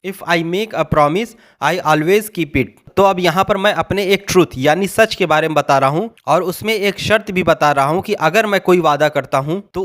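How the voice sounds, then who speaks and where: A man teaching an English grammar lesson, explaining patiently with many repeats and reading the English example sentences out very slowly. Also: on the high side, fairly bright tone. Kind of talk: Hindi-language grammar lesson.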